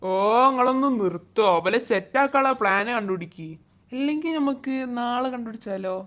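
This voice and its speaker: Young woman playing an exasperated, sleepy young guy, mocking tone, slightly high voice, amateur fan dub. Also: fairly quick, fairly bright tone, close to an everyday voice. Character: sleepy, bored young male friend.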